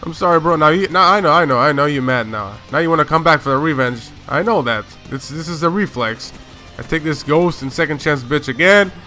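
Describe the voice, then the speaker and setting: Young male gamer, bright trash-talking commentary voice, faint music under it. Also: on the high side, fairly quick. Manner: excitable trash-talking, slangy, swears, laughs often. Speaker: gaming YouTuber. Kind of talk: gameplay commentary.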